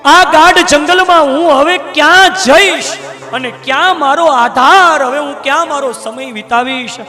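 A man voicing a gentle, motherly queen who has been wronged, speaking with tender, tearful questions. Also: very high voice, animated, moderate pace, faint music behind.

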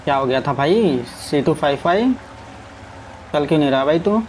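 A man's voice: on the high side, lively intonation, normal speed, a little mellow, slight background noise, poor audio. A man giving casual commentary as he plays a game, chatting to his truck and his viewers. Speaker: gaming streamer. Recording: faint game sounds in background.

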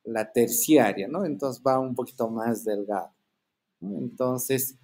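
Male teacher on a video call, mid-pitched, explanatory, leans on tag questions. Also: expressive, measured pace, a little mellow. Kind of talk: online class lecture.

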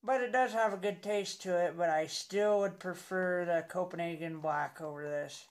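A young man giving a casual, rambling review in a halting, unimpressed way, talking with a lip packed full of dip. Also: high voice. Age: young adult. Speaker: product reviewer. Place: indoors in a home room.

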